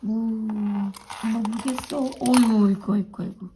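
A woman at home talking to her pet parrot in coaxing, teasing baby talk, often hushed or whispered. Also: on the high side, steady tone, unhurried, background noise.

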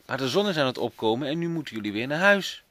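A man's voice: mid-range voice, sing-song, quick pace, a bit bright, no room sound, pitched above the performer's own voice. Man voicing a kindly flying creature.

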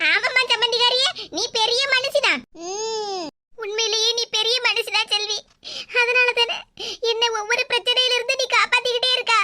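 A woman's voice: very high-pitched, fairly even intonation, moderate pace, pushed and bright, exaggerated voice. A woman voicing a doting, sentimental mother-in-law in a cartoon, with a Kanyakumari Tamil accent and an affectionate manner. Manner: affectionate, emotional, often laughing.

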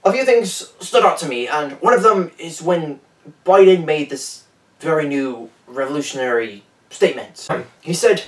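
Deadpan man hosting mock news. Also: a little high, moderate pace. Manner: deadpan, dry sarcastic asides. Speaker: host of a parody news show. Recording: echoey room, mic at a distance, faint music.

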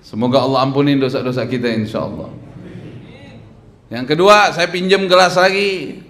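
A bright, forceful-sounding man in his thirties preaches from a lectern into a stand mic, his voice sitting a little high for a man. He keeps quizzing the crowd and slipping in jokes as he goes. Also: normal speed. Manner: animated, quizzing the crowd, joking. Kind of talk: lively sermon with audience questions. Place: mosque hall lecture at a lectern.

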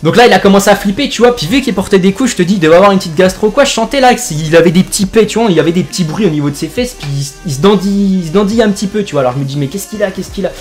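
A man's voice: high-pitched, expressive, very fast, few pauses, faint music behind. A young man from France, a gaming YouTuber, tells a made-up joke story over gameplay in rambling, jokey slang full of fillers.

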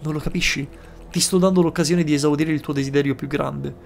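Hushed manipulative villain guy, man reading game lines, sneaky and smooth, soft game music behind. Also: fairly high pitch, fairly even intonation, quick pace. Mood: scheming. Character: scheming manipulative male villain, smooth-talking. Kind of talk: reading game dialogue aloud.

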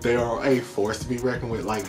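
A man with an American accent talking as a sassy, effusive drag queen host, casually reacting to a music video with drawn-out emphasis. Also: mid-range voice, steady tone.

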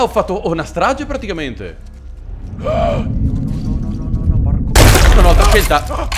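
Lively man narrating his gameplay. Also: fairly high pitch. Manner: animated, jokey, talks to viewers and characters. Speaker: gaming channel host. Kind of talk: casual let's-play commentary.

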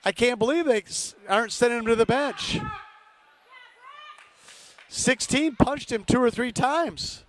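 A very high-voiced man offers amateur hockey commentary from the rink stands, unhurried and pausing often, with a little hiss or hum on the audio. He names players in short, clipped bursts and makes no secret of backing the home side.

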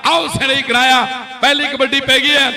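A man with a Punjabi accent doing frantic, excited rural kabaddi commentary, repeating words and names. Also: extremely high pitch, brisk, crowd noise. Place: outdoor village kabaddi tournament.

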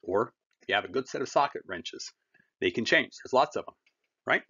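Brisk and animated, a medium-pitched man with a sharp tone and a breathy edge teaches German to a class. He stays patient and conversational, using familiar comparisons from daily life. Sound quality is dull and lo-fi.

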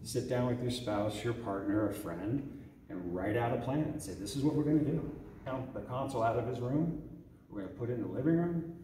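A man's voice: medium pitch, a little fast, warm tone, slight background noise. A man who directs youth ministry gives earnest advice to parents, often checking in with "okay?" and "right?". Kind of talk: talk to parents. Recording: echoey hall from far off.

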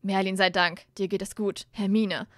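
A woman reading a storybook aloud and voicing a worried young male wizard in a lowered, hesitant voice. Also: little pitch movement, normal speed, a bit bright, no echo, close to an everyday voice. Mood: relieved.

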